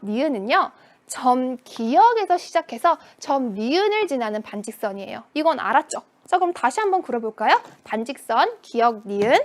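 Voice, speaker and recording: A woman teaching a children's math lesson, asking questions and answering them in a playful voice. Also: high voice. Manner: sing-song, questions and answers to herself.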